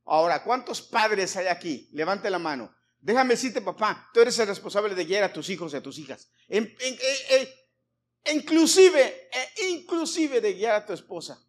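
A man's voice: sits high, expressive, moderate pace. A middle-aged man preaching a sermon to a congregation, emphatic, repeating his points and putting questions to the listeners. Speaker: pastor. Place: church before a congregation.

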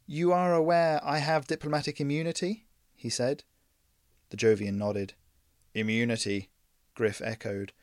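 A man reading a science fiction story aloud in measured scripted narration. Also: medium pitch, a little mellow, no room sound, clean studio sound. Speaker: audiobook narrator.

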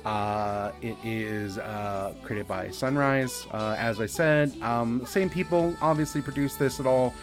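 A man's voice: medium pitch, measured pace, hardly any pauses, music in the background. A man co-hosting a podcast in casual chat, throwing in wry, joking asides. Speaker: podcast co-host.

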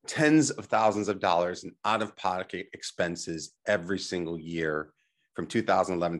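A middle-aged man giving a motivational slide presentation, emphatic and coaching, putting questions to the listener and checking in. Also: low-pitched. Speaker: presenter and teacher on health technology.

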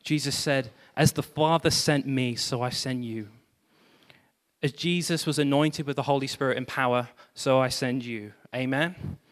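A man pastor preaching a sermon, animated, with self-deprecating humor and exclamations of praise. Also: mid-range voice, moderate pace, long reverb tail.

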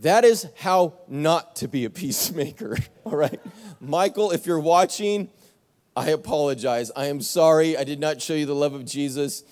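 A young adult male pastor preaching a sermon, telling a story with animated back-and-forth and poking fun at himself. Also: a little high, normal speed, long reverb tail. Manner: animated storytelling, acts out both sides of an argument, self-mocking. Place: church sanctuary.

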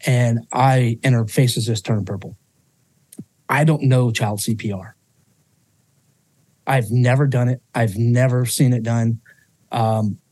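Mellow-voiced man telling a raw story. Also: medium pitch, dry recording. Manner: emotional, swears freely, many restarts. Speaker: podcast guest. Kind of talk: personal storytelling.

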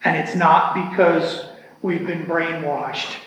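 Man, teacher of a church discussion class; slow, earnest and reflective delivery, higher-pitched voice, echoey church room recording. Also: steady tone, a bit bright, a little hiss or hum. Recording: echoey hall with long reverb.

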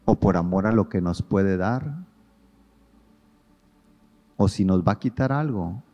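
Fervent male preacher, low and mellow, shifting between hush and urgency. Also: expressive, takes it slowly, lo-fi sound. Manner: fervent, swings from hushed to raised. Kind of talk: sermon.

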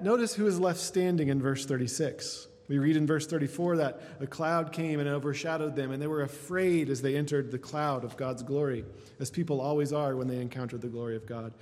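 A man's voice: a little high, darkish tone, big-room sound. A male pastor preaching a sermon, building through lists with rising emphasis. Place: church.

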